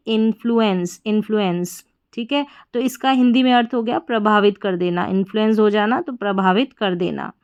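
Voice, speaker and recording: Woman teacher, slow and clear, spells words out patiently. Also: on the high side, lo-fi sound. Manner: spells letters slowly, then blends and repeats the word. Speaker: English reading teacher.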